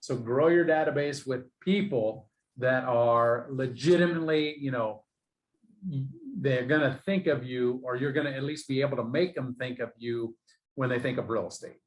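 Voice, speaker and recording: A man's voice: mid-range voice, normal speed, poor audio. A man coaching real estate agents in a casual interview, rambling and enthusiastic with many fillers and restarts.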